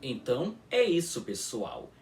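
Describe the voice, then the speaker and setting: A man teaching a pronunciation lesson, demonstrating each sound slowly and checking in with his students. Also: medium pitch, huge pitch swings, darkish tone, distant mic, a little hiss or hum. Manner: drawn-out patient demonstrations, frequent "tá?" checks. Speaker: language teacher.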